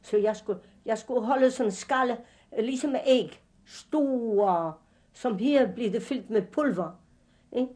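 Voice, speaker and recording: Older woman, halting speech. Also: on the high side, mellow. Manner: halting, with fillers and slips of grammar. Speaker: witness recounting her past. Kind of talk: personal testimony.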